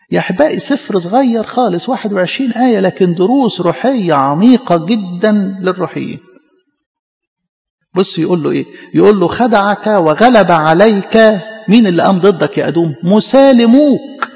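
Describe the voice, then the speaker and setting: Fast-talking, gravelly Egyptian priest preaching. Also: male voice, high voice, a little mellow, long reverb tail, muffled recording. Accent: Egyptian Arabic. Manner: preaching, acting out quoted voices, slowing for scripture. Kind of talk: sermon.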